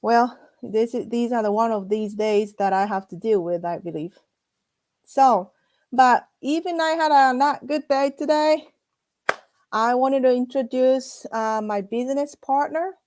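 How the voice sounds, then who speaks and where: A woman hosts a casual chat interview, her voice sitting a little high. She talks in a halting, friendly way, full of fillers and restarts. The sound is dry and close. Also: darkish tone, dry recording. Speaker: host.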